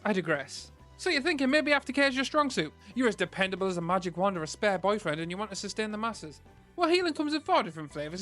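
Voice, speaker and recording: A man narrating a scripted comedy video with crude, sarcastic, rapid-fire jokes. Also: high-pitched, a bit bright. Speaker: gaming video host.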